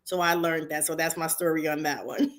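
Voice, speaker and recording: A middle-aged woman speech therapist, a podcast guest, giving earnest, measured advice in casual conversation. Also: sits low, little pitch movement.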